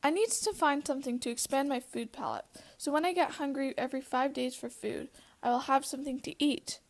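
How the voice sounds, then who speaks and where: A woman's voice: high-pitched, fairly quick. A woman voicing a chatty hybrid caribou-camel-fish creature who tells her own story straight to the listener, like storybook narration. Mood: earnest. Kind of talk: first-person storybook narration.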